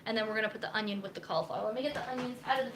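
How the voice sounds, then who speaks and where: A woman's voice: fairly high pitch, very fast, noisy background. A young woman, a dietitian, chatting casually on a live cooking stream, reading viewer comments aloud as she chops vegetables in her kitchen. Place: home kitchen.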